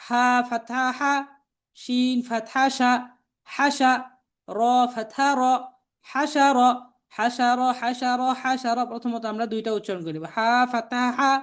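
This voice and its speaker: A woman's voice: a little high, steady tone, slow. A woman with a Bangladeshi Bengali accent teaching Quran reading, spelling each letter and vowel and repeating syllables several times. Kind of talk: slow spelling drill lesson.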